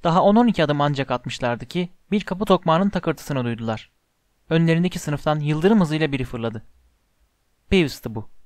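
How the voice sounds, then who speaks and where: A man narrates a story in a steady, expressive reading voice. His pitch sits a little high for a man. The recording is dry and close, with no room sound. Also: no room sound. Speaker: audiobook narrator.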